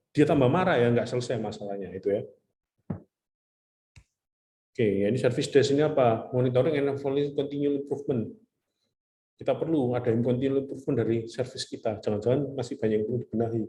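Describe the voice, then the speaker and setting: A man's voice: medium pitch, fast, pauses often, warm tone, reverberant, poor audio. A man giving a casual classroom lecture, chatty, mixing in English terms and telling anecdotes.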